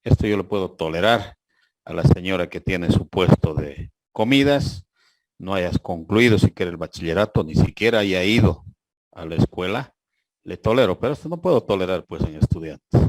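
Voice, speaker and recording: A man, a university lecturer giving an online class over a video call, who reads examples aloud slowly and mocks their errors. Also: low voice, lively intonation, no room sound.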